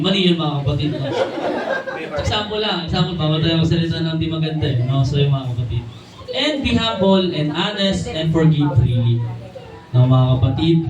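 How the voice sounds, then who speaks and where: A young Filipino man preaching a sermon to his congregation, often calling them brothers and sisters and slowing down for key English phrases. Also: fairly high pitch. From Philippines. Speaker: church preacher. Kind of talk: sermon mixing Tagalog and English. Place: church hall. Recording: echoey room from a distant mic.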